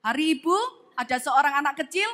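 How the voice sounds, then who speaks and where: A woman's voice: sits high, quick pace, a bit bright. A woman pastor from Indonesia preaching a humorous sermon, acting out husband-and-wife dialogues with playful voices in a church sanctuary.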